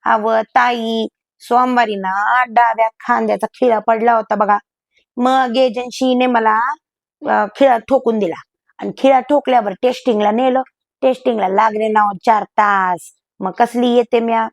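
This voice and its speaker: A bossy, sharp-tongued robot housemaid, as a woman storyteller puts her on, high and slightly gravelly, snapping back in a brusque rustic way. Her voice sounds close and dry in a spoken comic story. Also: steady tone, measured pace, no room sound. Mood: excusing. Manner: brusque, rustic village-maid talk.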